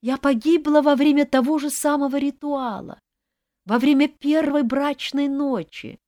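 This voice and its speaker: Shrill ghostly brides, as a woman puts them on. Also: steady tone, measured pace, mellow, no room sound, studio quality. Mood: mournful. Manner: urgent, shrill and pleading. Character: chorus of pleading female ghost brides. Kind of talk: audiobook reading.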